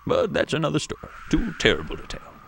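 A man's voice: fairly high pitch, huge pitch swings, fast talker, gravelly, fairly bright tone, slight background noise, exaggerated voice. A man playing an old grandfather who tells a spooky tale to a grandchild in a playful, dramatic way. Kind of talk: storybook read-aloud.

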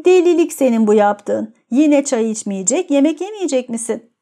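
Woman doing a scornful proud lady, mocking, highish and sharp-tongued. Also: lively intonation, normal speed.

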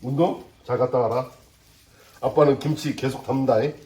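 A man's voice: medium pitch, steady tone, moderate pace, mellow, roomy sound. A middle-aged man and father talking casually to himself while making kimchi at home, muttering and joking as he works. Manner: chatty, mutters and jokes to himself while working. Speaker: cooking vlogger. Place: home kitchen.

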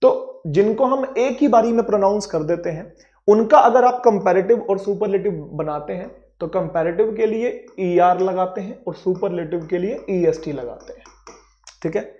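A man's voice: sits high, moderate pace, warm tone, highs cut off. A man teaching an English grammar lesson for exam prep, talking conversationally, acting out students' questions and checking that the class follows.

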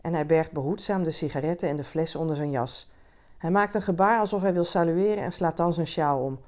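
A woman reading a literary short story aloud in a calm, measured way. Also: low-pitched. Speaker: reader.

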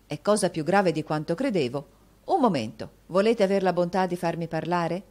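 A woman's voice: lowish voice, lively intonation, normal speed, darkish tone, natural voice. A woman voicing an earnest, flustered young male tutor who pleads insistently to be heard. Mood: earnest, indignant.

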